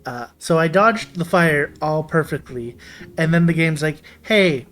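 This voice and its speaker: A man's voice: a little high, lively intonation, unhurried, fairly bright tone. A man streaming a game, chatting casually.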